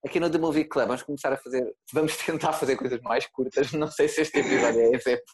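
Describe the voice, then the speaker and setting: A young man hosts a relaxed film discussion with a European Portuguese accent. His voice sits at a middle pitch. He talks in a casual, conversational way, as in a chat among co-hosts. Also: fast talker, slightly rough. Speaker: film podcast host.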